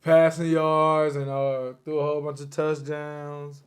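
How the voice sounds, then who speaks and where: A man's voice: fairly high pitch, monotone, a little slow. A man hosting a casual interview, bantering in loose slang with lots of agreement. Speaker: podcast host.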